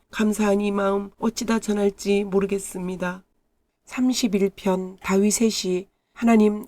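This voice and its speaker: A woman giving a calm, measured devotional reading of scripture. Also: mid-range voice. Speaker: Bible reader.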